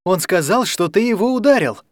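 A man voicing a young woman, a sharp and protective sister, who talks firmly in a read-aloud story. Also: high-pitched, lively intonation, fairly quick, no room sound, pitched above the performer's own voice. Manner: sharp, firm.

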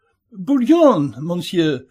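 A man's voice: high voice, sing-song, darkish tone, slightly rough, exaggerated voice. A man playing a polite French restaurateur. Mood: courteous. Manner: slow, courteous, obliging. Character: polite smooth-talking male French restaurateur.

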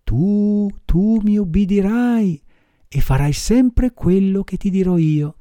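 A man voicing a patient, motherly fairy woman, speaking softly and firmly in an audiobook reading. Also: no echo, studio quality. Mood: gentle. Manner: soft lowered voice, measured admonishing tone. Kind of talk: audiobook character voice.

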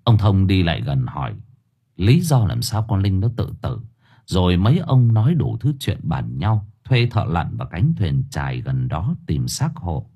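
Husky low-voiced man narrating a story. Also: muffled recording. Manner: dramatic, expressive telling. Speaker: audiobook narrator. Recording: faint music underneath.

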